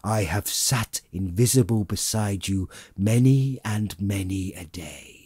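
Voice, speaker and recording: A man voicing the anguished, remorseful ghost of a dead businessman in a slow, mournful lament for an audiobook. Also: lowish voice, darkish tone, breathy edge, no room sound, studio quality. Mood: sorrowful warning.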